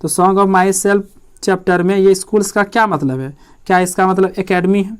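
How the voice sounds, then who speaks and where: Teaching exam preparation in Hindi, this man has a high, steady voice with a clear, resonant tone. He goes over each point more than once, answers his own questions, and reads English lines out slowly one word at a time.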